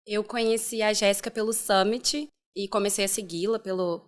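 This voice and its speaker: A woman from Minas Gerais, Brazil, speaking calmly and in a measured way as a podcast guest. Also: medium pitch. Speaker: content producer. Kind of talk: casual podcast chat.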